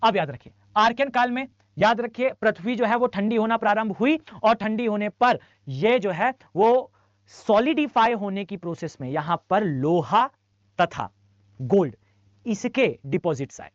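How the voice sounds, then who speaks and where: A man's voice: sits high, animated, a little slow, no room sound. Man drilling lists in an online class. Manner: drills lists by rote, repeating for students; mixes English phrases into Hindi. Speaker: teacher. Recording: dull dry lo-fi mic.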